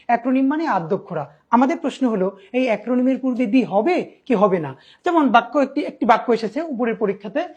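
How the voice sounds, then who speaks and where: A woman with a Bangladeshi Bengali accent and a high voice teaches grammar at a board. She asks questions and answers them herself as she moves from step to step. She slows right down on key words to stress them. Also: darkish tone. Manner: stretches out key words slowly for emphasis.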